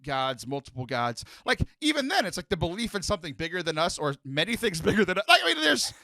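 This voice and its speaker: A man's voice: sits high, huge pitch swings, fast, bright, forceful tone, no room sound, clean studio sound. A young man hosting a casual podcast chat, joking and talking with lots of fillers and restarts. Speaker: podcast host.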